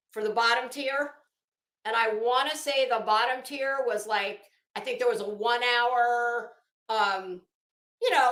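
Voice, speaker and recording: A woman with a fairly bright, higher-leaning voice gives rambling online commentary, full of gossip and strong opinions, elongating the words she stresses. Echoing room sound fills the recording.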